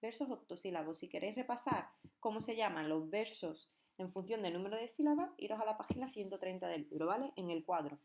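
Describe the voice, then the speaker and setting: A woman delivers a recorded lesson on poetic meter. She talks patiently and methodically, counting syllables aloud and pausing to check that her students follow. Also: mid-range voice, expressive, a little mellow. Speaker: teacher.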